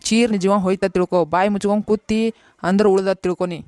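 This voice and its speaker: Woman voicing a sharp-tongued village mother-in-law. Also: mid-range voice, level tone, close to an everyday voice. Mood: scolding. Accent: North Karnataka Kannada. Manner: scolding, rapid-fire. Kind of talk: comic cartoon voice acting.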